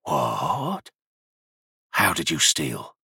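A man voicing a small, round, stern shop master who speaks quietly, gently but sternly, with calm threats and a dry whisper. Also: extremely low pitch, unhurried, slightly rough, no echo, voice pushed down, full character voice. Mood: menacing.

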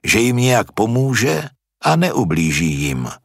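A man voicing a calm, patient old philosopher who reasons through questions, in a storybook reading. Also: mid-range voice, creaky, slightly rough, no room sound, clean studio sound, full character voice. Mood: probing.

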